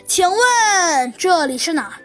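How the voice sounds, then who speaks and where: A woman's voice: very high-pitched, very animated, a little slow, fairly bright tone, heavily acted. Bossy monkey cop barking orders at crooks, lady doing the voice, kids audio story, music under. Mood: stern. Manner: bossy, commanding. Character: Monkey Police Chief, commanding male monkey cop.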